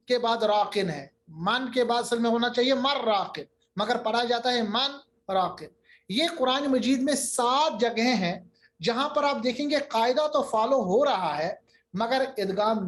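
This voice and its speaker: A man teaching a Quran recitation lesson over a video call, patiently repeating terms and drawing out his recited examples slowly. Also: extremely high pitch. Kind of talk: online tajweed lesson.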